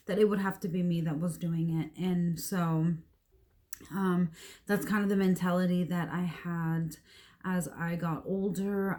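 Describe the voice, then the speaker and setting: Mellow earnest woman in her thirties. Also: fairly low pitch. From Hawaii. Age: 30s. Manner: earnest, halting, reflective. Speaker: survivor sharing her testimony. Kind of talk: personal testimony.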